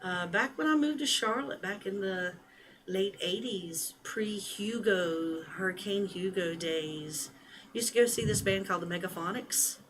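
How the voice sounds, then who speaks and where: A woman's voice: mid-range voice, unhurried, a bit bright, slight background noise. Joking woman telling stories on air. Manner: joking, chatty storyteller. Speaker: musician guest. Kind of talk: casual radio interview. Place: small radio studio.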